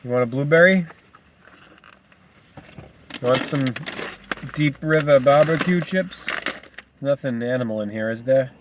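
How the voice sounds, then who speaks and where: A man's voice: mid-range voice, unhurried, pauses often, noisy background. A man casually reading a book aloud, rambling into asides and stumbling over hard names. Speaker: reader.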